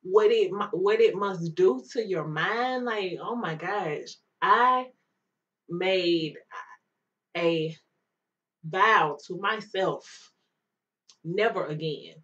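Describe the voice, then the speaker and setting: A young woman vlogger telling a storytime vlog in an animated way, mimicking other people's voices as she goes. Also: on the low side, extremely slow, long pauses. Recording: distant mic, dull lo-fi sound.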